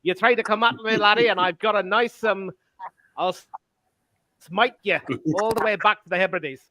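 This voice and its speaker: Man putting on bad scottish tough guy, mock threat, raised voice, bright. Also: high-pitched, moderate pace, dry recording, voice pushed up. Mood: mock threatening.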